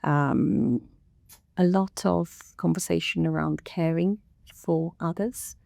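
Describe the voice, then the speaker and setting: Middle-aged woman from Romania, podcast guest, gravelly fry, dry close sound, thoughtful and unhurried. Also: lowish voice, a little mellow, dry recording. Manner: measured, thoughtful, many pauses and fillers. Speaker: guest, council director. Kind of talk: podcast interview.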